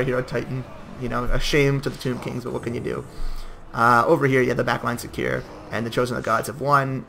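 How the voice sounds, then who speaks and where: A man's voice: mid-range voice, creaky, sharp tone, a little hiss or hum. A young man giving casual, rambling commentary over a strategy game battle, with jokey self-mocking asides. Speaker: gameplay commentator.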